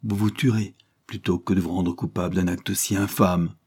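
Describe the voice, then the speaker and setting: A man's voice: sits low, steady tone, moderate pace, a little mellow, breathy edge. A man reading an audiobook, voicing an indignant noblewoman who scorns her husband, speaking vehemently in a raised voice.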